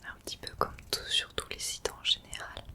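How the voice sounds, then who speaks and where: A woman's voice: fairly quick, pushed and bright. A woman hosting an ASMR unboxing, speaking in a whisper and soothingly addressing the listener directly. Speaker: ASMR video host.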